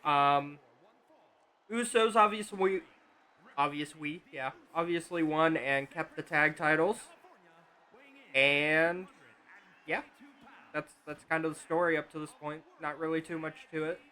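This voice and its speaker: A man's voice: on the high side, steady tone, measured pace, pauses often, bright, forceful tone, smooth. A man casually commenting on a wrestling video game on a live stream, rambling with fillers and restarts.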